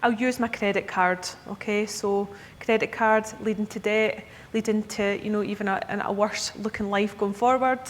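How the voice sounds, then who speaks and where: A Scottish key account manager in her thirties presents to advisers at a conference, chatty and often checking in with the audience. Her tone is steady at a moderate pace with few pauses, and the hall is echoey with a faint rumble.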